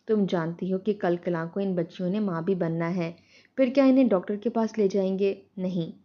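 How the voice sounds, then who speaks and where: A woman's voice: medium pitch, lightly acted. Bossy, lecturing village aunt read by a woman, slightly muffled storybook recording. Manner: insistent, lecturing.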